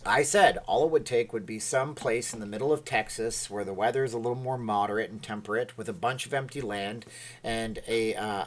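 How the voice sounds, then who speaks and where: A man hosting a casual livestream, rambling and reading viewer comments aloud. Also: on the low side. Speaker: livestream host. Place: Las Vegas.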